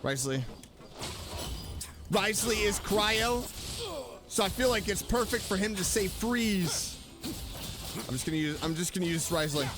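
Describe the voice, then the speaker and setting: A VTuber game streamer with a high-pitched, lively voice gives casual, playful gameplay commentary at normal speed, pausing often. He exclaims and repeats himself as he plays, with video game music running in the background.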